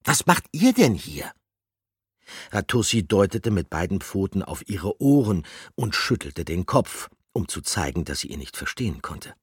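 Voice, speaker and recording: A man reading a children's story aloud in a lively, animated way. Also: sits low, normal speed, husky, no echo, clean studio sound. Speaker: narrator.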